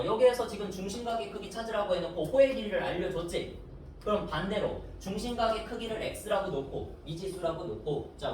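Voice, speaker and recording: A man teaches a math lesson at the board, his pitch moving up and down a lot as he keeps asking the class whether they follow. He is recorded from a distance in a very echoey room, with a faint hiss of noise behind him. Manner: coaxing, asks students check questions.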